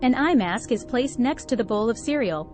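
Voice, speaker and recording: A woman with a fairly high voice narrates a first-person horror story. Her delivery is tense and dramatic. Quiet music plays underneath. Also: expressive, moderate pace. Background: faint background music.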